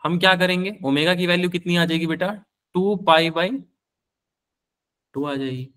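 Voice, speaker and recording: A young man teaching physics in a live online class, with a slightly high voice. He talks in a chatty, fatherly way, mixing in terms. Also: fairly even intonation, normal speed, a bit bright, smooth. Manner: chatty, calls students beta, answers their questions.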